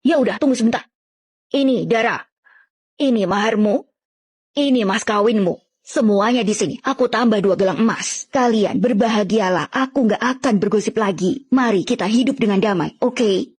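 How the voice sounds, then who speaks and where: A woman's voice: medium pitch, moderate pace, a little mellow, husky, natural voice. An actress playing a middle-aged mother-in-law who nags and meddles, in a short web drama. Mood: conciliatory.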